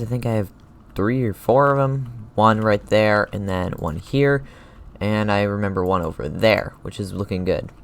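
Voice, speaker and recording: A young man with a congested, slightly sick voice, giving relaxed, rambling commentary on his Minecraft building. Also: on the low side, clear, resonant tone. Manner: relaxed and rambling, with many fillers. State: congested from a low fever. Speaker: Minecraft YouTuber. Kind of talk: casual gameplay commentary.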